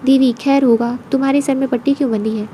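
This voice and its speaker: A woman voicing a proud housewife, kind but quick to take offence. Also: sits high, steady tone, slight background noise, natural voice. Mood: kindly. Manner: firm, sharp when insulted.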